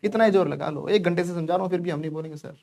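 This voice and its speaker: His voice sits a little high and holds a steady tone, racing along with vocal fry and a slightly mellow quality. He's an Indian man teaching spoken English in Hindi, joking around and pressing the class to echo English phrases back.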